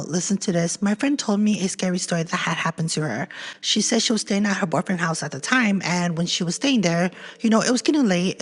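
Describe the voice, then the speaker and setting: An American woman podcast host telling spooky local urban legends in a casual, chatty, slangy storytelling way. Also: fairly low pitch. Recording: long hollow reverb on the voice.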